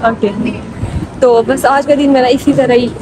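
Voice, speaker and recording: A young Pakistani woman walks through a large indoor shopping mall, vlogging casually into a phone held at arm's length in a chatty, rambling way. Her voice is high, steady in tone and a little slow. A loud, busy mall crowd fills the background.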